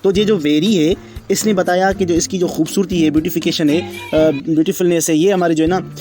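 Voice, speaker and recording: A man teaching English grammar, slow and repetitive, asking himself questions and answering them. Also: high voice, steady tone, over music. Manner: slow, repetitive explaining with fillers and rhetorical questions. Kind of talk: explanatory lesson.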